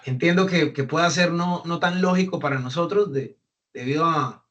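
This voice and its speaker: Man, peruvian spanish accent, somewhat high voice, halting explanatory talk. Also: a bit bright, lo-fi sound. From Peru. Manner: hesitant, repeats words while searching for phrasing. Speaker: reliability engineer sharing migration experience.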